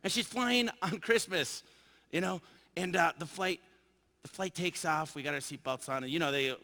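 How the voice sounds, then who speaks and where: A man on stage giving a motivational business talk, spinning anecdotes and voicing every character in them. His voice sits a little high and sounds bright and forceful. The sound rings out with the long reverb of a large hall. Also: moderate pace. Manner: animated, acts out dialogue in his stories. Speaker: keynote speaker. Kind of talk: motivational storytelling speech.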